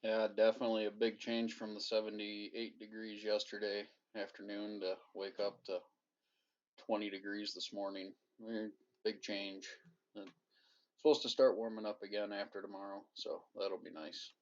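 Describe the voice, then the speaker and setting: Guy on a ham radio net over the air, lowish voice, muffled lo-fi radio sound, calm polite net control. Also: moderate pace. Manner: steady, courteous, formal radio call procedure. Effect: heard over a ham radio transmission. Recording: dull lo-fi radio audio.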